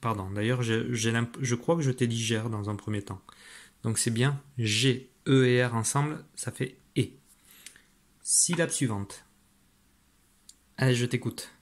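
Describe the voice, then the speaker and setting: A man gives a phonics lesson to young children. He talks patiently and kindly, slows down to sound out each letter and syllable, and cheers the child on after each answer. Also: medium pitch, steady tone. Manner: encouraging, praises the listener. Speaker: teacher.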